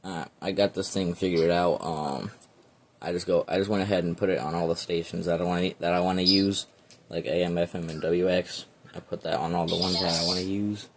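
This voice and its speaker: An amateur video reviewer rambles through a casual, slangy unboxing. His voice sits low and stays steady, and he talks briskly. It's a clearly noisy home recording with clicks.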